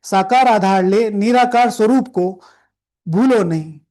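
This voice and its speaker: A man's voice: high-pitched, a little slow, a little mellow. A man who is a spiritual teacher, explaining a scripture reading. He repeats key phrases for emphasis, drops English words into his talk and guides listeners in reflection. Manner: mixes English words into Hindi; reflective, guiding listeners through meditation.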